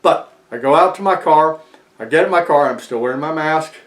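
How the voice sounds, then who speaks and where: Man in his sixties, American accent, speaking through a face mask, slightly high voice, casual explaining, echoey room. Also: a little fast. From lives in Texas, United States. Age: 60s. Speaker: video presenter. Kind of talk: casual explanatory talk to camera. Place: small furnished room indoors, seated in armchair.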